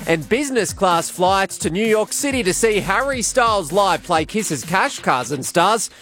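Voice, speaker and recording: A man's voice: high-pitched, lively intonation, a little slow, a bit bright. An Australian man reading a scripted breakfast radio news bulletin as newsreader. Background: music bed.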